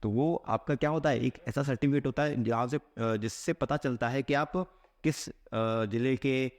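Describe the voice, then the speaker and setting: A man teaching exam vocabulary at a steady middle pitch. He keeps asking a question and then answering it with the key word said twice. He reads English phrases out slowly, one word at a time. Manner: asks a question, then answers it with a repeated keyword. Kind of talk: explaining a vocabulary lesson.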